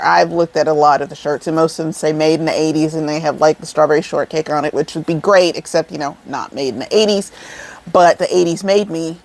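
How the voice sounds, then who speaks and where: A woman in her forties chatting casually to her viewers, rambling and calling them y'all, seated indoors. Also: sits low. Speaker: crochet vlogger. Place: indoors, seated over an air vent.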